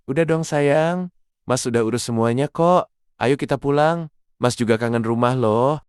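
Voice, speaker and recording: A man voicing a sweet, affectionate young husband and new father in an animated drama. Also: low-pitched, normal speed, clear, resonant tone, no echo, clean studio sound, natural voice.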